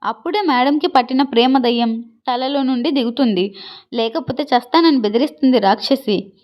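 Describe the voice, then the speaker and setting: A woman's voice: high voice, moderate pace, darkish tone, close to an everyday voice. Woman voicing a scornful young man in a storybook. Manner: scornful, mocking. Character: angry sarcastic young man, blunt and scolding. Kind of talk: storybook reading.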